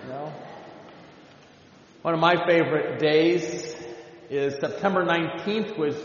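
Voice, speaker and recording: A man addressing a live audience in a measured, deliberate way, putting rhetorical questions to the listeners. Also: on the high side. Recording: echoey hall, dull lo-fi sound.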